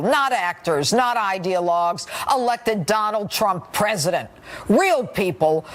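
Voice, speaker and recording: A middle-aged woman hosting a TV news show, delivering an emphatic, combative opinion monologue and questioning a guest. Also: mid-range voice. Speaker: TV host.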